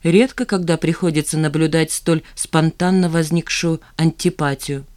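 Brief: reader playing a stuffy, indignant bookworm man, slow and formal. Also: mid-range voice, steady tone, a little mellow, natural voice. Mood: conciliatory. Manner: indignant, stiff. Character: prim touchy bookish man, economist.

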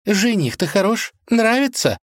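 A man's voice: sits high, big pitch swings, unhurried, dry recording, clean studio sound, pitched above the performer's own voice. A man voicing a fussy, kindly older female palace cook who laments in a singsong way. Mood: fussing.

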